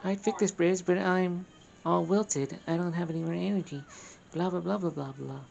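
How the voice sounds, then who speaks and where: A man voicing a droopy, exhausted game creature in a whiny, drawn-out complaint. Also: high-pitched, steady tone, gravelly, a little mellow, highs cut off, voice pushed up.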